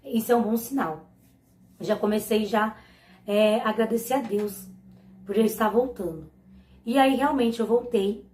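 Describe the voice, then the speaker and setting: A woman's voice: a little high, unhurried, long pauses, darkish tone, a little hiss or hum. A young woman with a Brazilian Portuguese accent telling her own faith testimony, speaking earnestly and often turning to her viewers. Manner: earnest, often turns to the audience. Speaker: mother giving a faith testimony. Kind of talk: personal storytelling to viewers. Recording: echoey room.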